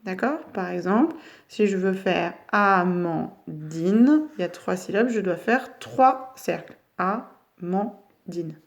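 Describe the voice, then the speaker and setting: A woman teacher giving a phonics lesson to young children, stretching each word slowly as she says it. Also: mid-range voice, creaky. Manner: slow, drawn-out words for children.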